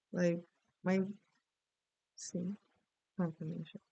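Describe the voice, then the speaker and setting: Chatty, gravelly woman telling a story. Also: on the low side, mellow, no echo, rough recording. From Dominican Republic. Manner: rambling, chatty storytelling with many asides. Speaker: astrology and tarot reader. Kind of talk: casual spoken reading.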